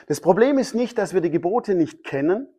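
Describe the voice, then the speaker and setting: A man's voice: high-pitched, lively intonation, fairly quick, mellow, breathy edge. Emphatic male preacher. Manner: emphatic, repeats key phrases. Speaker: pastor. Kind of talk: sermon.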